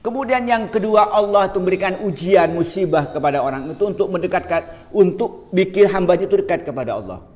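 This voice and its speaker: A man's voice: high-pitched, animated, fairly quick, few pauses, a little mellow. A middle-aged man giving a religious lecture to a live audience, chatty and joking, often asking the listeners questions. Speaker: Islamic preacher.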